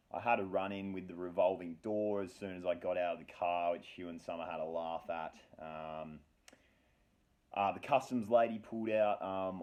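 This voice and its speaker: Low-pitched and a little mellow, the storyteller recounts his own tale for his story series in a wry, self-mocking way, full of slang and swearing. He's recorded in an echoey room, far from the mic.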